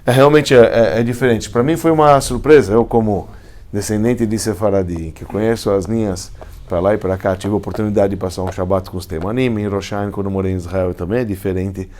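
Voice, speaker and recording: A man's voice: lowish voice, steady tone, a little fast, darkish tone. A man, a rabbi teaching Hebrew letters in a class, explaining step by step and often asking if students follow. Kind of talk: classroom lecture.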